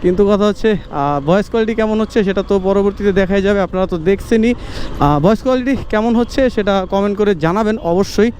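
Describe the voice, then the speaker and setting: Fast-talking Bangladeshi man over road noise. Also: high-pitched, a little mellow. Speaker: motorcycle vlogger. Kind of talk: casual motovlog commentary. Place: outdoors, riding a motorbike on city roads. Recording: clear road and traffic noise.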